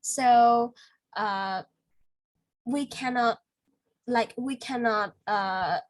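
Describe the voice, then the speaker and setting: A woman English teacher from Vietnam with a Vietnamese accent, patiently correcting and explaining words in a speaking lesson. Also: a little high. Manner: patient, corrective, explains word choices slowly.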